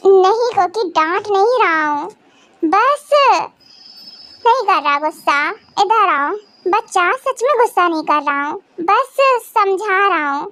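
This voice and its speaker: Woman voicing a tired grumbling young husband, high voice, fan audio drama. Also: lively intonation, measured pace, sharp tone, dry recording, exaggerated voice. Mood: coaxing. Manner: grumbling, scolding then soothing. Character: sleepy, exasperated young husband, doting.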